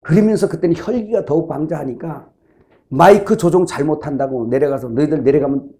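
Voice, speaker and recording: Korean pastor preaching with mellow animated voice. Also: male voice, on the high side, brisk. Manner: animated storytelling, acting out voices and laughing. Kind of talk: sermon.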